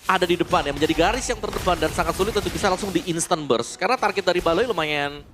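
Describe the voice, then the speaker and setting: A man's voice: high voice, fast talker, noisy background. A man with an Indonesian accent giving analytical esports caster commentary on a match.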